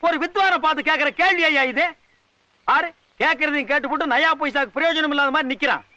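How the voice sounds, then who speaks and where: An actor playing a bossy, short-tempered middle-aged troupe leader in a 1980s film comedy, loud and sarcastic. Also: male voice, very high voice, fast talker, no room sound, dull audio, heavily acted. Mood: scolding. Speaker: leader of a folk dance troupe.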